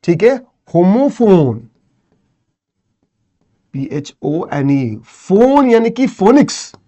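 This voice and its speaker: A man's voice: sits high, big pitch swings, very slow, dark tone. A man with an Indian English accent teaching an exam-prep lesson, explaining step by step and often checking "theek hai".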